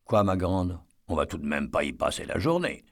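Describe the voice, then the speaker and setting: A man's voice: sits low, sing-song, normal speed, gravelly, heavily acted. A man voicing a weary old male fairground mechanic in his eighties, who talks bluntly and dryly. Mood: gruff. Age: 80s.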